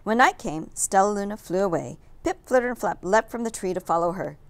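A woman reads aloud in the style of a children's storyteller. Her medium-pitched voice is very animated, with careful phrasing and dramatic emphasis. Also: a little fast. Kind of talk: expressive children's picture book reading.

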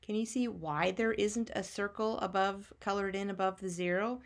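A woman's voice: mid-range voice, fairly even intonation, normal speed. A woman teacher narrating a maths lesson for young children, patiently teaching a child to count step by step with simple questions and answers.

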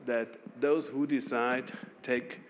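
A man with a German accent, a member of parliament speaking on a panel in a measured way, with short laughs and restarts. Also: mid-range voice, fairly even intonation, a little hiss or hum. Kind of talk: panel discussion. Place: conference hall. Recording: reverberant hall with faint ambience.

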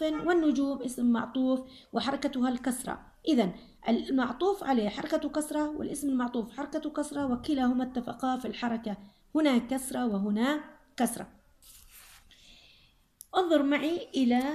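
A woman teacher with a Jordanian accent leads a grammar review lesson, speaking slowly and deliberately and repeating key words for her pupils. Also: high-pitched.

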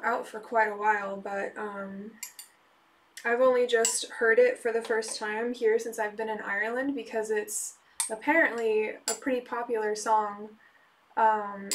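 A woman chatting casually on a live music stream, relaxed and unhurried, with frequent "um" pauses. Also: fairly high pitch, slight background noise. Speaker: live-stream musician taking song requests.

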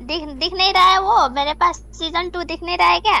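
A woman's voice: extremely high pitch, brisk, creaky. A woman in a game's voice chat, rude and bossy, throwing insults. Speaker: player in voice chat. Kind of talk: in-game voice chat. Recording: noisy game voice chat.

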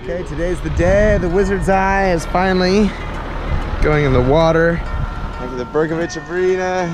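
A man hosting a casual sailing vlog outdoors, talking excitedly to an action camera held at arm's length. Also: high-pitched, moderate pace, rough recording. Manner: excited, upbeat narration. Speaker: vlog host, sailor. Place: outdoors on a boat and boatyard. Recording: music playing underneath.

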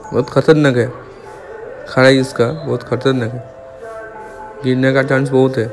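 Riding along a village road with a camera on his helmet, this twentysomething motovlogger talks casually to his viewers, addressing them as guys. He speaks unhurriedly in a mid-range, fairly even voice, with road noise around him and faint music behind.

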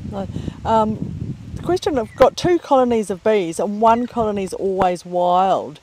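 A man's voice: sits high, expressive, a little slow. A man casually relaying questions as an off-camera host, recorded outdoors. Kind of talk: casual live question reading. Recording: outdoor recording, faint background noise.

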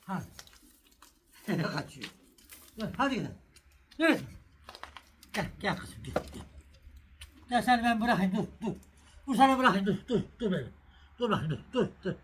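High-pitched and very animated, this middle-aged man speaks at normal speed with long pauses and a somewhat bright tone. Hosting a casual home vlog, he makes a sandwich for his viewers before calling and coaxing an animal, over a little hiss or hum.

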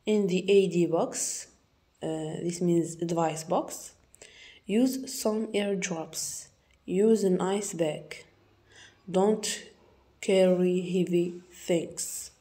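A young woman teacher with an Algerian accent goes through an exam correction, slowly repeating each word to model its pronunciation. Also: fairly low pitch, warm tone. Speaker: English teacher.

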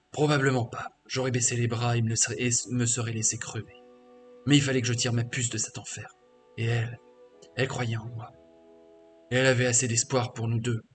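A bitter male half-orc warrior mage, scornful and crude, who brags about the masters he defied, as a man reads his game lines aloud. The voice sits at a middle pitch, read as game dialogue over faint background game music. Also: lightly acted.

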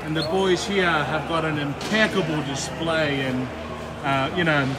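A man's voice: on the high side, fairly even intonation. A man, vlogging a chatty walkaround of an aquarium expo on a handheld gimbal camera. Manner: upbeat, chatty, fast run-through of booths. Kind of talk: walkaround vlog. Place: large indoor expo hall. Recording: noisy hall with background chatter.

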